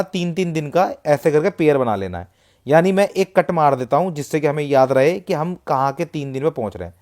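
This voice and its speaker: A man's voice: medium pitch, a little mellow. A man talking casually to viewers and walking through a number chart step by step, repeating himself often. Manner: chatty, repetitive, walks through a chart step by step. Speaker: matka chart tipster. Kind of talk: casual explainer talk to viewers.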